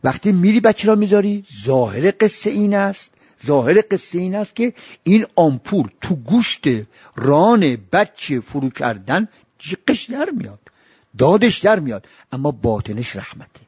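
A male preacher delivering a sermon, telling stories with dramatic swings from quiet murmurs to raised exclamations and chanting scripture quotes. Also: high voice, very animated, breathy edge, dry recording.

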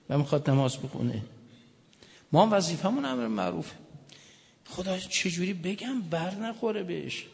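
High, gravelly preacher in an echoing hall. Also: male voice. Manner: storytelling, joking asides. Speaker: cleric. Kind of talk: sermon with anecdotes.

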